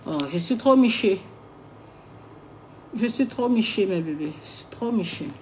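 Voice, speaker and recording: A woman's voice: medium pitch, animated, a little slow, darkish tone, a little hiss or hum. A woman hosting a late-night live stream, agitated and complaining as she talks to her viewers. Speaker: livestream host.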